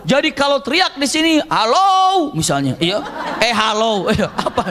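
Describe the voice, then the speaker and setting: A man preaching by lively storytelling to mothers, animated and jokey, into a microphone. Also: sits high, moderate pace, a little hiss or hum. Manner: animated, jokey, acts out scenes. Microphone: handheld microphone.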